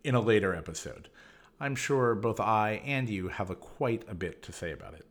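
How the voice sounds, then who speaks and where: A man hosting a solo explanatory podcast, talking in a measured, instructive way. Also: fairly low pitch, lively intonation. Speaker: podcast host.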